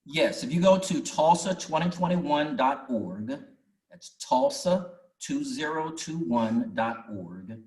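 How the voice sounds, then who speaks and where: A man's voice: fairly high pitch, lively intonation, slow, darkish tone. A man giving an earnest, folksy talk at an online community meeting, with many restarts. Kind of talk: storytelling presentation. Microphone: video call mic. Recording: echoey room.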